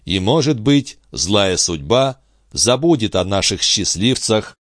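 A man reading a classic novel aloud as measured, even audiobook narration. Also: lowish voice, no echo, clean studio sound. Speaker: audiobook reader.

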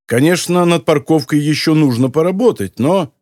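A man reading an audiobook, voicing a rude, mocking middle-aged editor who talks loudly and insults people. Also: a little high, normal speed, no room sound, studio quality, lightly acted. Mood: mocking cheer.

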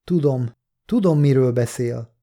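Brief: exhausted young daughter, faltering and tearful, read by a man, audiobook, mellow tone. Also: medium pitch, close to an everyday voice. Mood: weary, tearful. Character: young woman, distressed daughter, worn out.

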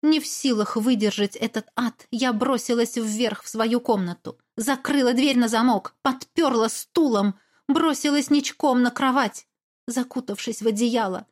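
A woman's voice: a little high, a little slow. A woman giving a tense, dramatic first-person audiobook narration.

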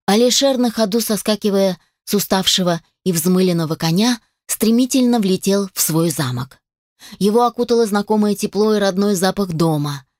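A woman reading a fantasy audiobook as narrator in scripted narration, even and measured. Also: medium pitch, dry recording, studio quality.

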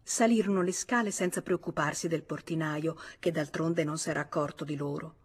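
A woman narrating a classic novel as an audiobook reader, in a measured, even storytelling manner. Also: low voice, breathy edge.

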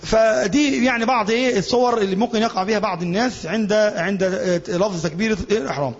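Talking fast in a voice that sits high, an Egyptian sheikh leads a classroom religious lesson in a reverberant mosque classroom. He uses colloquial Egyptian Arabic, questions the class and answers himself, and demonstrates chanting, captured on a muffled lo-fi recording with long reverb.

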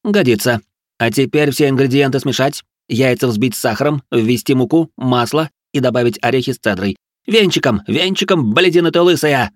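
Man doing shrill manic aristocrat, pompous, yelling orders, high pitch, loud. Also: a little fast, no room sound, studio quality, lightly acted. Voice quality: shrill, squealing. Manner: barking orders, pompous, ranting. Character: shrill manic aristocratic male drill-sergeant cook. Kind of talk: audiobook character voice.

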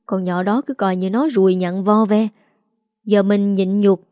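A woman voicing a shrill, scheming young wife who nags her husband, in a Southern Vietnamese accent. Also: steady tone, measured pace, dark tone, clear, resonant tone, no room sound, studio quality, natural voice. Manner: shrill, nagging.

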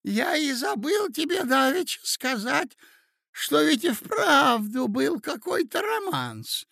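Brief: doddering elderly prince, excitable and confused, shrill and lively. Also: male voice, takes it slowly, vocal fry, no echo, clean studio sound, heavily acted. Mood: muddled. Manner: babbling, high-pitched and gushing.

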